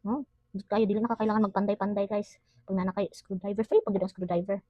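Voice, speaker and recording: A woman's voice: mid-range voice, fairly even intonation, fast, no room sound, muffled recording. A woman with a Cebuano accent, chatting upbeat at home in a casual unboxing vlog and switching often into English. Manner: chatty, upbeat, mixes English with local speech. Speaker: vlogger.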